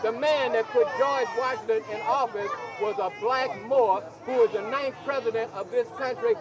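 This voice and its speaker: Outdoor arguer, male, high voice, pushes back and interrupts, crowd clearly heard. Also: normal speed. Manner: insistent, keeps interrupting to hold the floor. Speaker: passerby debating. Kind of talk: heated street argument. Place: city park outdoors.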